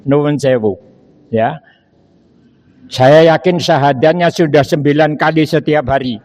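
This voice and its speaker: An older man with a Javanese accent delivers a sermon. He speaks slowly and deliberately, and his voice sits fairly high for a man. He tells stories and breaks into Arabic recitation. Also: darkish tone. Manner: slow storytelling, mixing Javanese phrases and Arabic recitation. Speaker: preacher.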